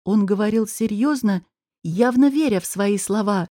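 A woman narrating a first-person audiobook in an even, measured way. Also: medium pitch, no echo, studio quality.

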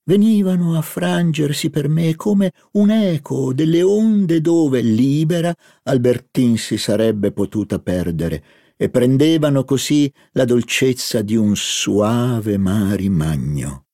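A male narrator reading a literary novel in a slow, measured manner. His voice is dark and mellow, recorded dry and close with no room sound. The delivery is deliberate and even. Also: medium pitch, dry recording. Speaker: audiobook reader. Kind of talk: scripted narration.

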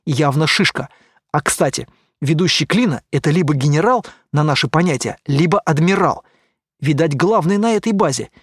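A man's voice: moderate pace, breathy edge, no room sound, studio quality. A man reading a science fiction audiobook, narrating and voicing the characters' lines. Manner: raises pitch for excited quoted lines. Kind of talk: scripted audiobook narration with dialogue.

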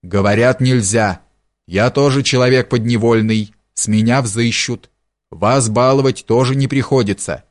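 A man reading an audiobook, voicing a curt, gruff forester who speaks slowly. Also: medium pitch, natural voice. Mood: stern.

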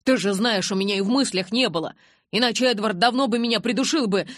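A woman voicing a pushy young male werewolf who pleads loudly and insistently. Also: medium pitch, moderate pace, dry recording, clean studio sound, voice pushed up, natural voice. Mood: pleading.

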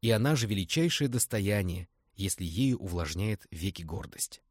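A man reading aloud and voicing a calm, philosophical young man in a measured way. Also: sits low, dry recording, clean studio sound. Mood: thoughtful.

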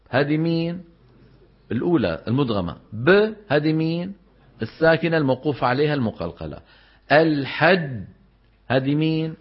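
A man teaches Quran recitation in a slightly high voice. He keeps asking his students questions and draws out the example words slowly. The recording is muffled and lo-fi. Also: slightly rough. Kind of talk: classroom lesson on tajweed.

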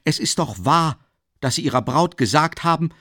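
A man's voice: medium pitch, big pitch swings, measured pace, slightly rough, pitched above the performer's own voice, exaggerated voice. A man reading an audiobook, voicing a feverish young man who speaks with biting, trembling rage. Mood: scornful. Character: feverish furious young man, bitter and scornful.

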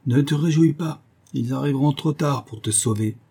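A man's voice: mid-range voice, normal speed, gravelly, mellow, slightly rough, pitched above the performer's own voice. A man voicing a young male hero who speaks coldly, voice shaking with anger, in an audiobook. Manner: cold, trembling with anger.

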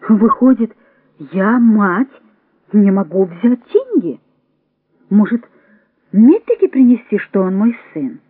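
A woman reading an audiobook voices an indignant middle-aged mother who insists and then shouts complaints. The sound is dry and tinny, like a phone line. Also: mid-range voice, big pitch swings, slow, pauses often, husky, no room sound, full character voice.

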